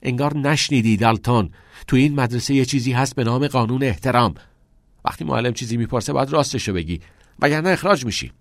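A man's voice: mid-range voice, no room sound, studio quality, voice pushed up, natural voice. A man voicing a smug, self-serving teenage schoolboy who talks in a pushy, mocking way. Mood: dismissive.

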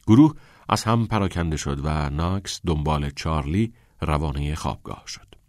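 A man reading an audiobook in a steady, measured storytelling voice. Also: very deep voice, dry recording, clean studio sound. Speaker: audiobook reader. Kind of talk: scripted narration.

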